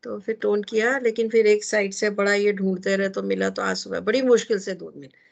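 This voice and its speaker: A woman's voice: medium pitch, a little fast, gravelly, dull audio. A woman teaching an online astrology class, chatting casually and rambling with easy laughs over a video call.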